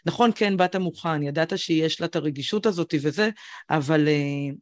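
A woman co-hosting an education podcast, speaking reflectively and pausing often to search for words. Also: sits low, darkish tone. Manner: searching for words, many pauses and fillers. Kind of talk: reflective casual chat.

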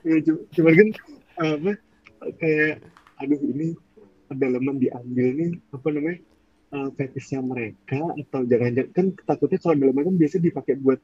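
A man's voice: medium pitch, brisk, husky, dry recording, dull audio. A young man in his twenties casually telling a ghost story, rambling and searching for words. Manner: rambling, searches for words, acts out quoted voices. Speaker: podcast storyteller.

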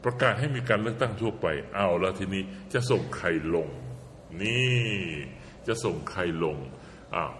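A man with a lowish voice tells an animated story, repeating words for emphasis. He sounds like he is in a reverberant room. There is a faint hum of ambience behind him. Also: moderate pace. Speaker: guest commentator. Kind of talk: casual political talk.

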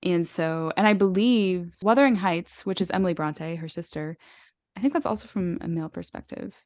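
A woman with a slightly low voice, talking with eager enthusiasm and rambling on with fillers and small laughs. Her sound is close and dry, with no room around it. It is relaxed podcast chat. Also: moderate pace, dry recording. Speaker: podcast co-host. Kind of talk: casual book chat.

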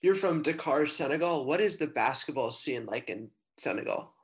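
A man's voice: mid-range voice, lively intonation, moderate pace. A man with an American accent asking questions as the host of a casual interview podcast. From San Francisco, United States.

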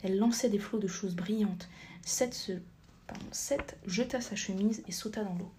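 Mellow-voiced woman reading a storybook. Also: medium pitch, moderate pace, a little hiss or hum. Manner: steady reading, drops to a soft near-whisper at times, corrects small slips. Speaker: audiobook narrator. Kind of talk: scripted narration.

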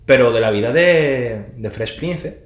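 A man with an Andalusian Spanish accent co-hosting a podcast in casual chat, animated, talking over his partner and leaning close to the mic. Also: mid-range voice, measured pace, roomy sound, a crowd in the background. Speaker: podcast co-host.

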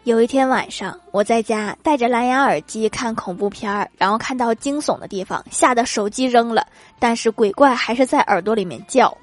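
A woman's voice: fairly high pitch, fairly quick, no room sound, soft background music. A woman hosting a comedy segment, reading funny everyday anecdotes and laughing at her own punchlines. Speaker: host.

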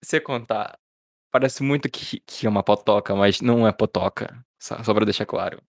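Man, Brazilian accent, lowish voice, hesitant, restarts a lot, dry close sound. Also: moderate pace, dry recording. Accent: Brazilian Portuguese. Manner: hesitant, restarts words often. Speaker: podcast co-host. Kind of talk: casual chat.

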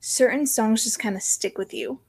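A young woman guest on a podcast, talking casually and softly, filling her speech with "like". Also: fairly high pitch, moderate pace, slightly rough. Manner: soft-spoken, heavy use of "like".

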